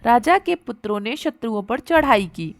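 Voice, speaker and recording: A woman teacher, taking young children patiently through a workbook lesson and repeating each word slowly. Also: fairly high pitch, expressive, no room sound.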